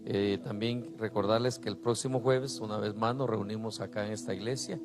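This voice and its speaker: Lowish-voiced guy doing church announcements, asks for prayer kinda humbly, music playing clearly behind. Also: fairly even intonation, a little fast. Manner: earnest, asks humbly for support. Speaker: church minister giving announcements.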